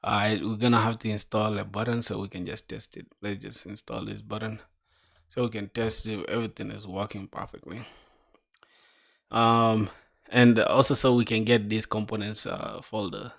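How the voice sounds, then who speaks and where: A young man live-codes for his viewers in a lowish, gravelly voice at moderate speed. The chat is casual and slangy; he calls them "bro," thinks aloud, reads docs in a mumble, and punctuates it with excited reactions.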